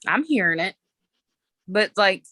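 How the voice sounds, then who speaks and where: A woman's voice: mid-range voice, animated, a little slow, bright, forceful tone, dry recording, studio quality. A woman taking part in a live paranormal session, talking in casual conversation. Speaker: participant in a live spirit box session. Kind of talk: casual chat.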